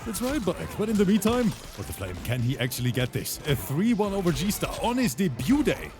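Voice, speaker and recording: A man hosting and commentating a fighting game tournament, excitable and hyped, reading out chat between calls. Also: high-pitched, a little fast, music in the background. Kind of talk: esports play-by-play commentary.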